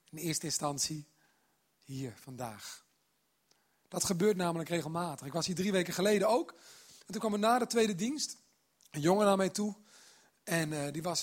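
Preacher, man, high husky voice, warm storytelling sermon delivered straight to the congregation.

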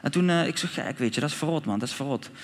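Animated man telling his story, reverberant. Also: a little high, racing. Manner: animated storyteller, acts out his own thoughts, fillers and restarts, street slang. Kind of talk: personal testimony, casual storytelling.

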